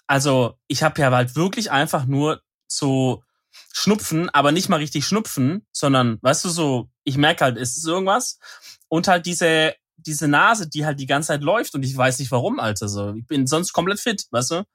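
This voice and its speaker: A young man co-hosts a casual podcast chat, telling rambling stories full of slang and fillers, sounding slightly nasal from a cold. His voice is on the high side and fairly bright, with lively intonation at a normal speed, recorded with studio quality and no room sound.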